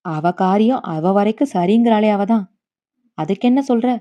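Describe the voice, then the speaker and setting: A grieving old grandmother, as a woman storyteller puts her on, stubborn and tender, who scolds and then speaks with quiet bitterness. She comes through a slightly dull, muffled audiobook recording. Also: medium pitch, animated, moderate pace, lightly acted. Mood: bitter. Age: over 60.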